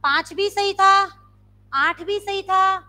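Woman teaching sanskrit online, really high voice, sharp bright tone, keeps asking the kids questions. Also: takes it slowly. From India. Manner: quizzing students with repeated questions, demonstrating loud and soft sounds. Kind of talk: live online grammar class.

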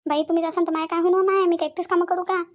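A woman voicing complaining rural women of a joint family in a cartoon, with a Vidarbha Marathi accent and a quick, chattering manner. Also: extremely high pitch, flat delivery. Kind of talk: cartoon voice acting.

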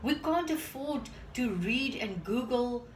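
Slow and expressive, her slightly high voice carries a little hiss or hum in the recording. This native Afrikaans speaker in her forties talks earnestly to a counter-mounted phone camera as she handles chores in her kitchen, a casual parent vlog in which she often repeats words while reaching for them.

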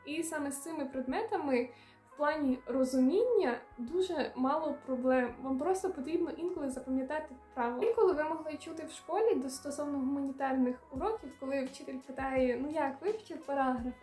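A woman's voice: high voice, brisk, mellow, echoey room, faint music behind. A young woman from Ukraine, a student vlogger giving earnest, direct study advice. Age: young adult. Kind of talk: advice vlog.

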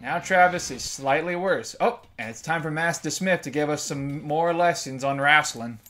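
A young man provides let's play commentary, joking and swearing freely as he casually talks over game music. His voice is on the high side and a bit bright, at a moderate pace.

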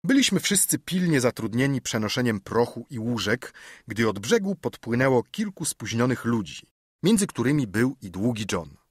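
Brief: male audiobook narrator, husky, animated delivery, dry close sound. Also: mid-range voice, normal speed, no room sound. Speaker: audiobook reader. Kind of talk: scripted narration.

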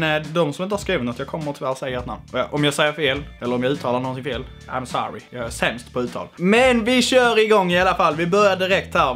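A man's voice: on the high side, a bit bright. A young man chatting casually on his vlog, joking and swearing, dropping in English phrases. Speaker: YouTuber.

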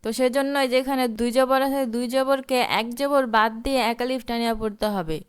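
A woman's voice: high-pitched, steady tone, fast talker, clear, resonant tone. A woman teaching Quran reading, spelling Arabic words letter by letter and reciting them with long drawn vowels.

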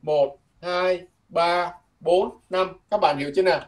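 A man's voice: sits high, fairly even intonation. Patient male teacher. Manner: patient, repeats words slowly, ends phrases with "nha". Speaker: language teacher. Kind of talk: lesson explained from a textbook.

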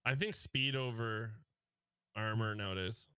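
A man's voice: fairly low pitch, a little slow, pushed and bright, clean tone, dry recording, clean studio sound. Man teasing dryly during a game. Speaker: duo teammate. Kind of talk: casual gaming chat.

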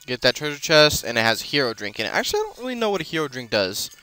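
A man with a bright, crisp, smooth voice talks over his own gameplay in a loose, unscripted way. He rambles, trails off into fillers and corrects himself mid-sentence. Faint game music plays underneath. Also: a little high, huge pitch swings, very fast, no room sound. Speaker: let's play host. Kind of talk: casual gameplay commentary.

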